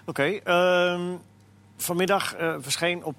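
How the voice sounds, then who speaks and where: A man's voice: high-pitched, fairly even intonation, takes it slowly, fairly bright tone, clean tone. A man hosting a sports talk show, hesitant and full of fillers, putting questions to his panel. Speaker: radio host.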